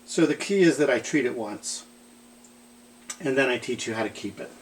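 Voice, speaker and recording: At a moderate pace and in a mid-range voice, a male manual physical therapist calmly walks through a clinical demonstration step by step in a treatment room, speaking softly to his patient. The audio is poor, with slight background noise.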